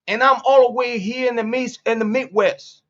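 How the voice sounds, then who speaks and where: A man's voice: very high voice, fairly even intonation, moderate pace, a bit bright, lo-fi sound. A man in his late forties from Puerto Rico, hosting a casual commentary monologue in a blunt, profane way, repeating phrases for emphasis. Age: 40s. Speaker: commentary channel host.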